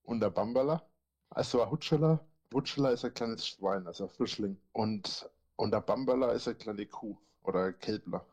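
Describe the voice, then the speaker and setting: With a Franconian accent, a man rambles through casual chat, quizzing listeners on dialect words and then answering his own questions. His voice is on the low side, a little mellow, at a moderate pace.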